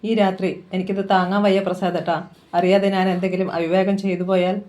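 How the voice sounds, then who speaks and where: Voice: medium pitch, flat delivery, moderate pace, a little mellow, lightly acted. Heartbroken young woman, as a storyteller reads her. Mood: pleading. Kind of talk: audiobook novel reading.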